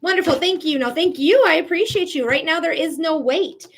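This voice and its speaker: A bubbly, chatty woman from Michigan, with the accent to match, hosts a live psychic reading stream and laughs often as she talks casually with viewers. Her voice is very high and her pace fairly quick.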